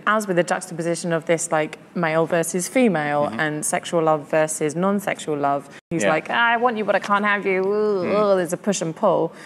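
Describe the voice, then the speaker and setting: A woman's voice: lowish voice, long reverb tail, slight background noise. A woman hosting a podcast, chatting casually about poetry and thinking aloud with fillers. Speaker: podcast host.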